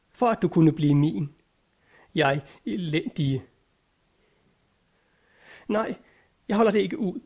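A man doing a tormented, guilt-ridden man. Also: on the high side. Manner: dark, despairing.

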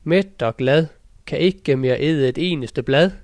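A man's voice: on the high side, darkish tone, dry recording, close to an everyday voice. A man voicing a spiteful nanny goat in a fairy tale, reciting her lines as sing-song rhymes. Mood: rhyming, sly. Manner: sing-song rhyming verse. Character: sly, spiteful female goat who tells rhymes. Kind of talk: storybook narration.

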